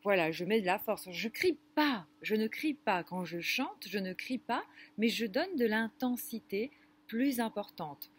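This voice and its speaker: A woman leading a children's music lesson, speaking gently and didactically straight to the kids. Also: medium pitch, lively intonation, husky, no echo. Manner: gentle, slow and didactic, addressing children directly. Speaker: music teacher for young children.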